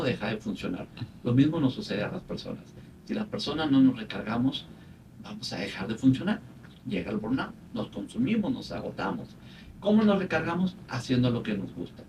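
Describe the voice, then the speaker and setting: Calm psychologist man, distant mic. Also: medium pitch. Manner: calm, explanatory, retells patients' words. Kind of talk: conversational explanation on a podcast. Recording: faint noise, distant from mic.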